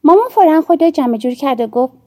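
A woman narrating an audiobook in a measured storytelling manner with soft, hushed dips. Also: high-pitched, animated.

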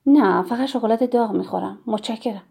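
A quiet young drifter gives short, hesitant, evasive answers in a storybook scene, as a woman reads him. His lines fall soft and mellow. The pitch stays a little high. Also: gravelly, husky, full character voice.

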